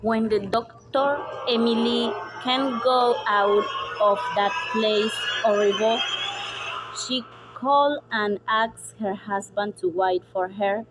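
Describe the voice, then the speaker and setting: A young woman whose first language is Spanish, slowly reading a dark story aloud with careful pauses, over loud background music. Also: fairly high pitch, steady tone, background noise. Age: young adult. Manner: slow, careful reading, with pauses between phrases. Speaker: student narrator. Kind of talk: read-aloud story narration.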